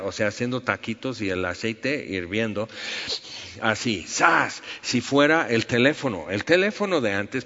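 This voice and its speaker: A man's voice: medium pitch, a bit bright. A man preaching a sermon, reading scripture and telling stories with sound effects. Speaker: pastor. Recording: echoey hall, dull lo-fi sound.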